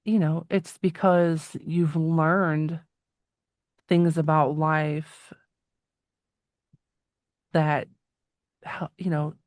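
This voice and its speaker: A woman's voice: deep voice, level tone, extremely slow, long pauses, darkish tone, no room sound, clean studio sound. A woman in her forties, hosting an interview, talking in a thoughtful, reflective way and laughing often. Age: 40s. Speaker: podcast host. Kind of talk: casual interview chat.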